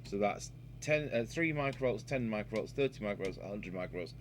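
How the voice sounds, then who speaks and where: A British radio repair technician and presenter gives an unscripted, hands-on repair demonstration, thinking aloud in a matter-of-fact way as he works. His voice is on the low side, with lively intonation and a slightly fast pace. The recording comes from a noisy workshop with electrical hum.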